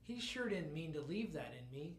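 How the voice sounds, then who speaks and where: Guy doing a grainy little patient voice, meek and forgiving, bit higher, echoey room. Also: sing-song, normal speed, background noise. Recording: roomy echo.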